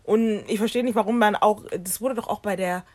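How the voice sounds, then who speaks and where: A woman's voice: mid-range voice, fairly even intonation, a little fast. A woman ranting bluntly in a casual chat among friends.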